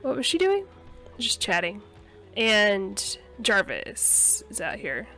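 A woman's voice: mid-range voice, wildly swooping pitch, slow pace, pushed and bright, faint music behind. A young woman chatting casually over a life simulation game, giggling and talking to her characters, her voice a little scratchy from a cold. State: slightly hoarse from a cold. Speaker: let's play host.

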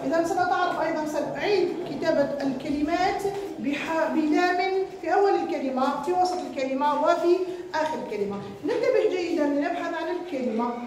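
A woman teaching a primary school class, briskly encouraging pupils to hurry and counting aloud. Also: high voice, darkish tone. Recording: echoey classroom from far off, noisy.

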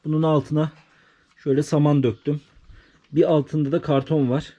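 A man vlogging from his farm, talking casually and soothing animals with quiet, repeated hushes. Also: on the high side, flat delivery, moderate pace, highs cut off. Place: farm in a rural village, outdoors. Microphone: body-worn camera mic.

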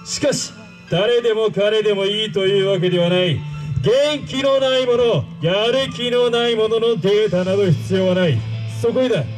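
A pompous android villain, played by a man on a live character-show stage, with a high-pitched voice. He lords it over the crowd in grand, commanding speech and belts out loud shouted calls. Faint music plays behind him. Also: normal speed, lightly acted, poor audio.

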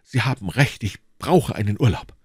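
A man's voice: fairly low pitch, lively intonation, normal speed, darkish tone, breathy edge, no echo, clean studio sound, voice pushed up. A man voicing a bold, devoted young swordsman in an audiobook, eager and declamatory. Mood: ardent. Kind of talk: audiobook reading, acted dialogue.

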